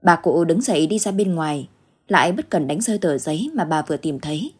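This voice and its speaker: A woman narrating a ghost story in steady, measured scripted storytelling. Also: sits low, husky.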